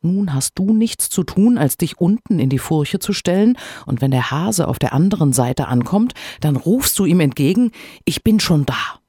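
A man's voice: a little high, lively intonation, a little mellow, breathy edge, dry recording, studio quality, voice pushed up. A man voicing a stubborn, cunning male hedgehog who talks in a pushy, emphatic way. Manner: pushy, emphatic, sometimes hurried.

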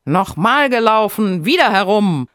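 A man voicing a haughty, sneering male hare in a loud, mocking, high-pitched voice. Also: sing-song, measured pace, vocal fry, dry recording, clean studio sound, full character voice.

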